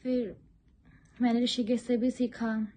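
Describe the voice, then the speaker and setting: A woman's voice: a little high, level tone, a little slow, warm tone, a little hiss or hum. A young woman from India, a yoga teacher, chatting casually about her own life and often circling back to repeat herself. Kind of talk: casual personal storytelling.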